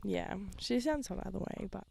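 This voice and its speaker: A young woman co-hosting a podcast in casual chat, earnest and explaining things plainly, her voice hoarse from being sick. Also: mid-range voice, animated, normal speed, warm tone, slight background noise. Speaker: podcast co-host. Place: outdoors, lying in a hammock.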